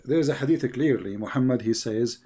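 A husky, dark-toned voice moving fairly quickly belongs to a host whose first language is Arabic. He debates a caller emphatically, repeating phrases for stress and rising high as he presses questions.

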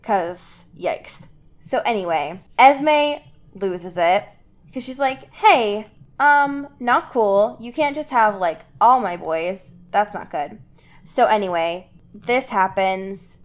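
A woman podcast host recaps a book in casual, slangy chat, retelling the story and acting out reactions as she goes. Her mid-range voice is animated but slow-paced.

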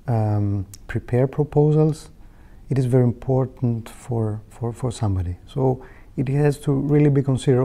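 A Greek man in his thirties, a native Greek speaker with a Greek accent, heads the technical side of a materials laboratory and describes his job in an informal career interview monologue. His medium-pitched, mellow voice is hesitant and measured, recorded on a lapel mic in an indoor meeting room.

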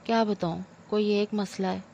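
A woman's voice: mid-range voice, fairly even intonation, normal speed, creaky, warm tone, a little hiss or hum, lightly acted. A woman putting on a wailing aggrieved mother-in-law. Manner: wailing complaints, theatrical laments. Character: aging scolding mother-in-law, self-pitying and loud.

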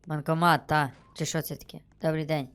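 Excitable gamer guy. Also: on the high side, a little fast, clear, resonant tone. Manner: excitable, chatty, thinks aloud as he plays. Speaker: gaming streamer. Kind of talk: casual gameplay commentary.

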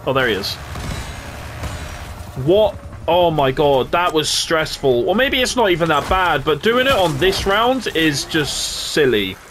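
A young man commentating his own video game play, often frustrated and swearing in loud outbursts. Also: on the high side, very animated, measured pace. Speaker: gaming YouTuber. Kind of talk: gameplay commentary. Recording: game noise behind voice.

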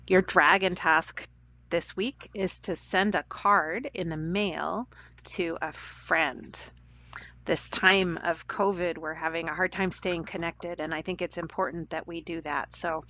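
A woman telling a children's story aloud for a church program in a gentle, caring way. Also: fairly low pitch. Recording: dull dry lo-fi recording.

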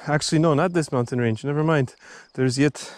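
Man, outdoor trail, casual hiking narration, slightly winded, faint background hiss. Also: a little high. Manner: relaxed, chatty, pauses between short remarks. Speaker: hiking vlogger.

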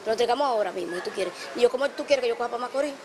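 A woman's voice: a little high, rapid-fire, noisy background. A middle-aged woman with a Dominican accent, agitatedly retelling a dispute in an interview. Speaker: interviewee, mother.

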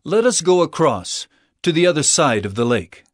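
An actor playing Jesus as an earnest, authoritative teacher in a dramatized audio Bible, speaking deliberately and solemnly. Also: male voice, on the high side, very animated, no echo, studio quality. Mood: earnest teaching.

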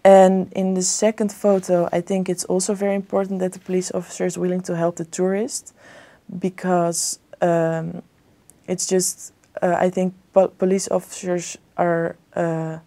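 Still in the small office with a table, the young Dutch exam candidate responds hesitantly, full of fillers and restarts and light laughter. She speaks at a moderate pace in a lowish, flat, dark-toned voice.

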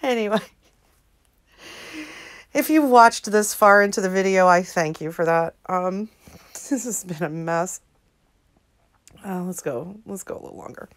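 A woman in her forties chatting loosely to her viewers. She rambles from one thought to the next, giggles often and pokes fun at herself. Her pitch sits in the middle range for a woman. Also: a little slow, long pauses. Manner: rambling, giggly, self-mocking. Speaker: vlogger. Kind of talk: casual chat, reading out messages.

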